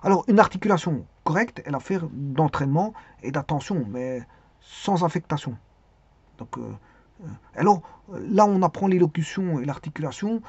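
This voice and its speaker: A man giving a spoken lesson on speaking skills, hesitant, with many pauses and repeated words. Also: on the high side, a little mellow, slightly rough, no room sound. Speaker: teacher. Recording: dull lo-fi sound.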